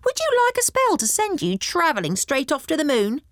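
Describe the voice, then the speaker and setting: Woman putting on a quick, boastful goblin shopkeeper. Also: high voice, huge pitch swings, fairly bright tone, dry recording, studio quality, pitched above the performer's own voice, exaggerated voice. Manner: quick, boastful salesman patter.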